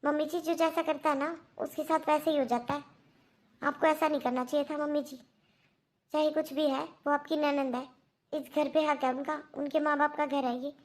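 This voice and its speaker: Lady doing a young daughter-in-law in a cartoon, high voice, pretty flat, lecturing earnestly. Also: normal speed, natural voice.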